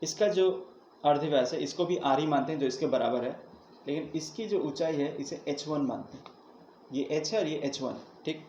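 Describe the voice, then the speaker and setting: A male teacher with a somewhat high voice works through a math lesson step by step, putting questions to his students and answering them himself. He sounds recorded from a distance in an echoey room. The sound is dull and lo-fi with a faint hiss behind it. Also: normal speed, warm tone. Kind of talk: classroom math lesson at a board.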